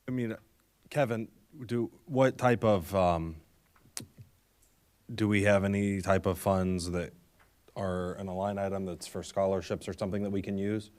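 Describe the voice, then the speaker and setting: A man with a low-pitched voice speaks up as a member of a city council. His phrasing is halting, and he breaks off and restarts as he thinks aloud toward a motion. The talk is plain meeting discussion. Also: fairly even intonation, darkish tone. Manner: halting, restarts mid-thought.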